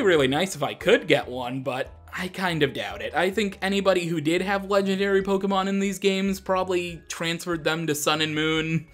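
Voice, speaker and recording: A man with a high-sitting, fairly bright voice hosts a gaming show, commenting on gameplay in a casual, chatty way and frequently mocking himself. Video game music plays behind his voice.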